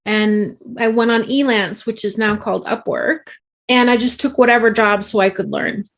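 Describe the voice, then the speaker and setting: A woman's voice: a little high, fairly even intonation, moderate pace. A woman author speaking as an interview guest, open and emotional, laughing often as she talks. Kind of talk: interview conversation.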